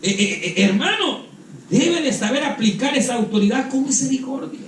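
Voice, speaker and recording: A man's voice: extremely high pitch, animated, normal speed, slight background noise. A man preaching fervently at a church retreat, often calling out "hermano" and "aleluya" and repeating words as he searches for them. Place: church hall. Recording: echoey hall, mic at a distance.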